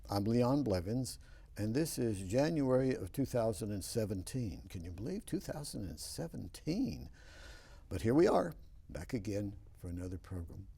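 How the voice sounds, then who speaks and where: Folksy gravelly man hosting. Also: fairly low pitch, very animated, normal speed, mellow. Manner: folksy storytelling. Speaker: host. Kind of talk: TV interview. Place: TV studio.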